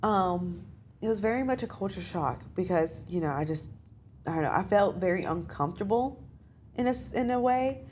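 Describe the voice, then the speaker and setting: A woman's voice: medium pitch, expressive, moderate pace, darkish tone, a little hiss or hum. A young American woman, a student, chatting casually in an interview with lots of filler phrases. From United States. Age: young adult. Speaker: study abroad student guest.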